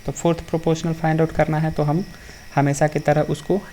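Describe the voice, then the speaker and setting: A man's voice: a little high, flat delivery, racing, dark tone, a little hiss or hum. A man with an Indian accent and Hindi as his first language teaches like an informal tutor, addressing students familiarly and often asking questions he answers himself. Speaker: maths teacher. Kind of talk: informal exam lesson switching between two languages.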